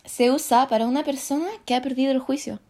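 A woman's voice: high-pitched, fairly even intonation, fast talker, dark tone. A young woman with a Chilean accent, co-hosting a casual podcast, telling stories in a chatty, giggly, slangy way. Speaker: podcast co-host. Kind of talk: casual chat, word-guessing game.

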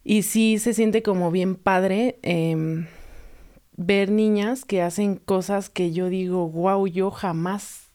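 A woman's voice: medium pitch, slow pace, smooth. A young adult Mexican woman, a roller skating coach, chatting in an interview and acting out the voices she quotes. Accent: Mexican Spanish. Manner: animated storyteller who acts out quoted voices. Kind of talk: casual interview talk.

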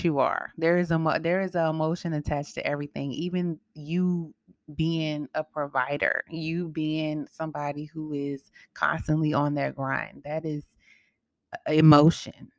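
A woman's voice: sits low, no room sound. A woman hosting an astrology podcast in a casual, emphatic way, often repeating her points and answering her own questions.

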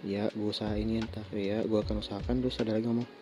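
A man in his twenties with a Jakarta accent and a lisp hosts a casual solo podcast, telling personal stories in an informal, halting way with indistinct articulation. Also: fairly low pitch, level tone, warm tone, a little hiss or hum. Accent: Jakarta Indonesian. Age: 20s. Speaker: podcast host. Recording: dull lo-fi sound, faint music behind.

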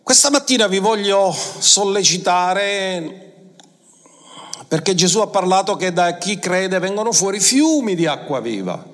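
A man's voice: high voice, animated, a little slow, a bit bright, long reverb tail. A man preaching a sermon to a congregation, emphatic, quoting scripture and asking the listeners questions. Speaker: pastor.

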